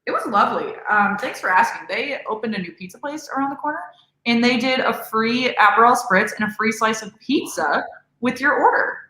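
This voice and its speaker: A woman's voice: a little high, fairly quick, bright, forceful tone, reverberant, rough recording. A young woman co-hosting a casual hockey livestream, upbeat as she plugs the channel and gives game updates.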